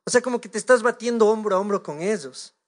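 A man with an Ecuadorian Spanish accent delivers a sermon in a noticeably high voice. He preaches in a lively, animated way, breaking into little acted-out conversations with God. He sounds like a pastor in his thirties. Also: quick pace. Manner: animated, acts out imagined dialogues with God.

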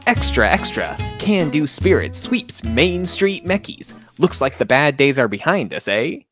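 A man's voice: medium pitch, big pitch swings, unhurried, a bit bright, soft background music, voice pushed up. A young man voicing a cocky old-timey newsboy with a nasal, old-time movie New England accent, calling out headlines. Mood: brash. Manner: brash street-crier calls.

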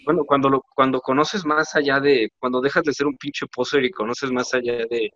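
A young man with a Mexican accent co-hosting a casual podcast chat in a relaxed, easygoing way. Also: medium pitch, normal speed, no echo. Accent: Mexican Spanish. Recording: dull lo-fi sound.

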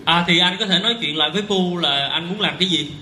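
A man interpreting consecutively at a seminar, rendering each line quickly and fluently with small filler sounds. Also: high-pitched, pushed and bright, slight background noise. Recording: echoey hall with faint ambience.

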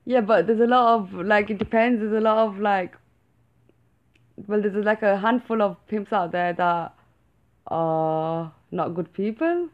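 A woman chats casually, filling her sentences with "like" while she makes her points. Her voice sits at a middle pitch, and the audio is a little dull and muffled. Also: measured pace. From England. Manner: chatty, hedging with many "like"s. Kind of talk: casual conversation.

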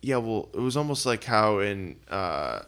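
A man's voice: on the low side, big pitch swings, unhurried, fairly bright tone. A man co-hosting a podcast in casual chat, rambling as he retells scenes with fillers. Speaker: podcast co-host.

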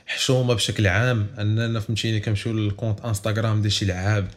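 Fast-talking man with a Moroccan accent. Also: fairly low pitch, level tone. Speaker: football podcast host. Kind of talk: casual sports podcast chat mixing in French.

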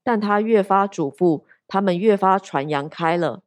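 Woman slowly reading scripture aloud. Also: mid-range voice. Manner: slow, measured reading. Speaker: congregation member reading scripture.

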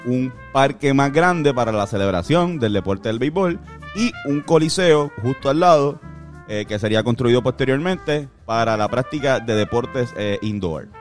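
A man with a Puerto Rican Spanish accent explaining things casually, in a halting, informal, slangy way. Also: medium pitch, expressive, soft background music. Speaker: podcast host telling local history. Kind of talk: casual explanatory talk from notes.

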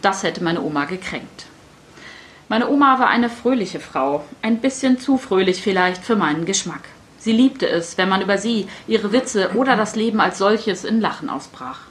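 A middle-aged woman author reading her own prose to a live audience. Her delivery is wry and deadpan, with a self-mocking edge in an even, middle voice. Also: mid-range voice, moderate pace.

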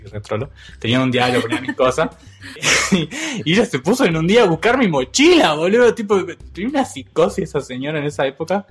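Young man with an Argentine accent, animated. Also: medium pitch. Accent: Argentine Spanish. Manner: animated, laughs often, acts out quotes. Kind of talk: casual storytelling chat.

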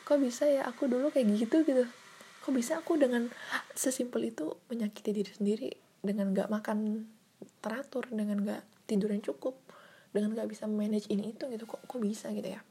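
Soft breathy young woman, half-whispering. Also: a little high, steady tone, fairly quick. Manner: soft-spoken, drifting into whispers, filler-heavy and self-questioning. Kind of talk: casual reflective monologue.

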